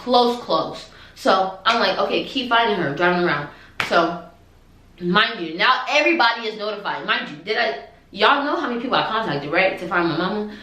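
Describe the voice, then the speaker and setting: A young woman vlogger telling a storytime tale in an animated, dramatic, exasperated way. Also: medium pitch, normal speed, a little hiss or hum. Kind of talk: storytime vlog. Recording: echoey room.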